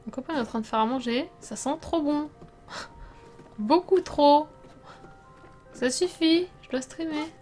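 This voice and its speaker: A young woman streaming a game, chatting casually with her viewers, laughing often and sometimes breaking into loud startled outbursts. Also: high-pitched, a little fast, hardly any pauses, soft background music. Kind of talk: casual let's play commentary.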